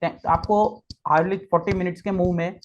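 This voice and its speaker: A man's voice: high voice, steady tone, moderate pace, lo-fi sound, slight background noise. A man walking through trading charts step by step, mixing Hindi and English and checking in with frequent "okay"s. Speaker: trading guest expert. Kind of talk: explanatory chart walkthrough.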